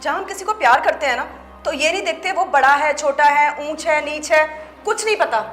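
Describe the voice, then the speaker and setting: Woman as a stern woman boss, high bright voice, echoey room. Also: a little fast. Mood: indignant. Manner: firm, scolding, reproachful. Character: principled woman boss defending her husband. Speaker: office boss and wife. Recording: echoey room with faint music.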